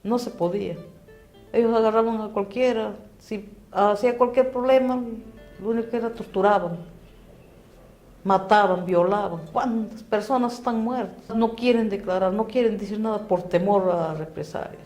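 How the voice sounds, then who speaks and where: Woman from Peru giving halting testimony. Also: mid-range voice, darkish tone, faint music behind, rough recording. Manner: halting, emotional recollection. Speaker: interviewee, survivor testimony. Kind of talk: personal testimony interview.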